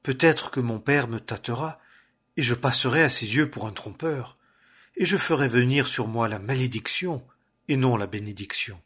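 Nervous younger son, read by a man, husky voice, scripture reading. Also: medium pitch, moderate pace, fairly bright tone. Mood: worried. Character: anxious younger son posing as brother.

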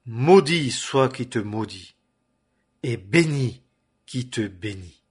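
A man reading aloud the part of an elderly patriarch father, in a husky voice. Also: mid-range voice, lively intonation, slow pace. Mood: solemn.

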